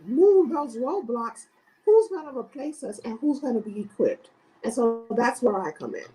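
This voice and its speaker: A woman's voice: fairly high pitch, lively intonation, normal speed, poor audio. A middle-aged woman from South Florida, an educator speaking as a podcast guest in an earnest, emphatic way, often adding "right?". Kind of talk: podcast interview.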